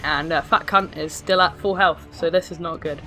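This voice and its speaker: Hoarse, low-voiced woman with a smoker's rasp. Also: fairly even intonation, moderate pace, sharp tone, low-quality recording. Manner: sarcastic, self-deprecating, sweary. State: ill, hoarse. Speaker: video host narrating own battle. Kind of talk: casual game commentary. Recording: music behind the voice. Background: music.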